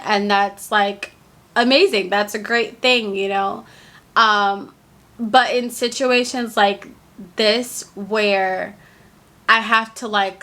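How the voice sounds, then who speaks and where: This casual vlog features a young woman in a candid, chatty talk straight into her mounted camera. Her mid-range voice is bright and forward, her pace unhurried, and she scatters filler words such as "like" throughout. She sounds a bit stuffy from a cold that hasn't quite cleared.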